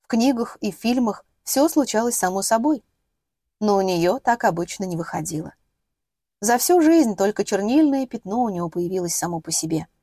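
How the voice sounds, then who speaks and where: Woman reading an audiobook, calm measured pace, mellow dry sound. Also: mid-range voice, no echo. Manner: steady, measured storytelling. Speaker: audiobook narrator. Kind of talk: scripted narration.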